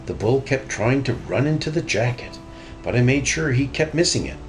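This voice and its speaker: A man's voice: mid-range voice, lively intonation, normal speed, faint music behind, close to an everyday voice, poor audio. A man voicing a friendly, cheerful cartoon mouse telling an anecdote earnestly in a storybook. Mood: reminiscing. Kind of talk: storybook character reading.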